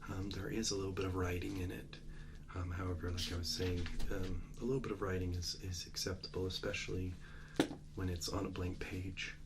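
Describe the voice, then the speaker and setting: A man doing an ASMR role-play as a librarian, speaking in a hushed, halting, gentle way. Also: low-pitched, flat delivery. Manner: halting, unhurried delivery with gentle explanations. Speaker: ASMR host playing a librarian who shows old books to a visitor. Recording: noticeable background noise and ambience.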